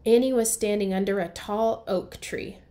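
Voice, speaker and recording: A woman's voice: mid-range voice, steady tone, moderate pace, warm tone. A woman, a primary school teacher, reading a storybook aloud in simple phrasing for young children. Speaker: first grade teacher.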